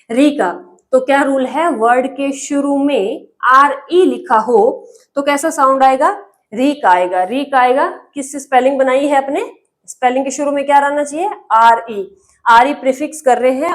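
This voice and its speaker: A woman teaching an English lesson in Hindi, drilling pupils with repeated questions and spelling words out letter by letter. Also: sits high.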